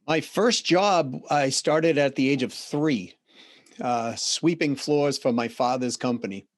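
A medium-pitched man in his fifties with a Boston accent appears as a podcast guest in a casual interview. He tells stories earnestly and reflectively, halting and restarting as he goes.

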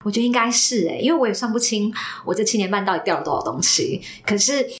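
Taiwanese woman guest, fast earnest chat, faint noise. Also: mid-range voice, expressive. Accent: Taiwanese Mandarin. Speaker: podcast guest, long-term traveler. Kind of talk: casual chat.

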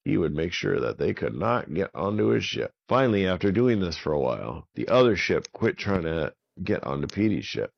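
A man telling a children's pirate story in a relaxed, improvised way, often repeating words for effect. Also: low-pitched, normal speed, creaky, few pauses, muffled recording.

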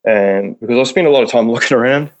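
A man's voice: mid-range voice, quick pace, lo-fi sound. A man with a broad New Zealand accent, chatting casually as a podcast guest in a laid-back, slangy, jokey way. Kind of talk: casual interview chat.

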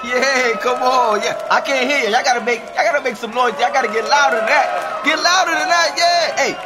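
A man's voice: high-pitched, lively intonation, moderate pace, a loud crowd, heavy background noise. An actor playing a brash young male rapper and DJ, talking in slangy, boisterous hype-man style. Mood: hyped, shouting. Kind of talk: audio drama acting. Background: music.

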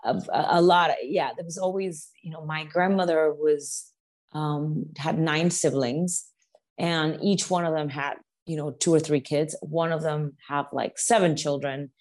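A woman's voice: low-pitched, steady tone, measured pace, a little mellow. A middle-aged woman from the United States, talking casually as an interview guest, with many restarts and repeated words.

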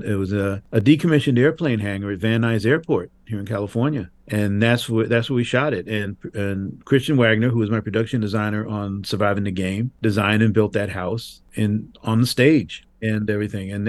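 An older man, a film director as interview guest, telling lively anecdotes and acting out the voices of people he quotes. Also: fairly low pitch. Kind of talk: interview storytelling.

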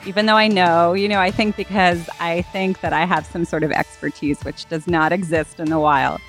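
A man's voice: fairly high pitch, fairly even intonation, moderate pace, fairly bright tone, soft background music. A man recalling an event casually, self-deprecating and hesitant. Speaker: interviewee. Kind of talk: casual recollection.

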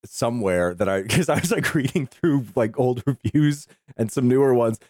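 A man hosting a casual film podcast, telling the story in an animated way with swearing and laughs. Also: medium pitch, normal speed, dry recording, studio quality. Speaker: podcast host.

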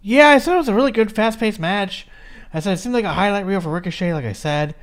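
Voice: mid-range voice, fast. A podcast co-host recapping a match in a chatty, casual way, swearing now and then and reading from notes.

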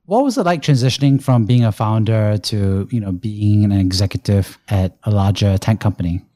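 Low-voiced male podcast host. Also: moderate pace, warm tone, no room sound. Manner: upbeat, framing questions for a guest. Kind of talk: podcast interview.

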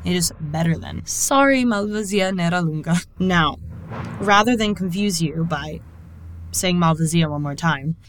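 A woman hosting a podcast with a slightly low voice. She talks in a chatty, friendly way and laughs often as she moves from a prepared segment to a loose conversation. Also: unhurried, a little hiss or hum, poor audio. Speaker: podcast host. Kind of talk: scripted segment and casual interview.

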